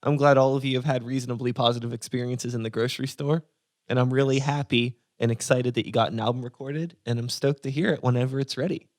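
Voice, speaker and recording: A man's voice: medium pitch, steady tone, fast talker, a little mellow. A man hosting a podcast, chatting casually and signing off with playful, upbeat banter. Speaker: podcast host. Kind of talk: casual chat.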